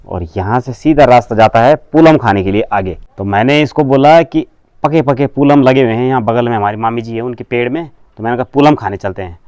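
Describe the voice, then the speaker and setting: A man with a Garhwali accent and a heavy, booming voice, chatting and teasing as he narrates a casual vlog while walking outdoors through a hill village. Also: darkish tone, no echo. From Uttarakhand, India. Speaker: vlogger. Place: outdoors on a village hillside path.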